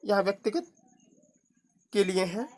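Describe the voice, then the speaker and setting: A man's voice: sits high, expressive, unhurried, darkish tone. A male teacher reading a course syllabus aloud item by item, adding brief remarks about what to skip. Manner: reads through a long list item by item, adding brief remarks.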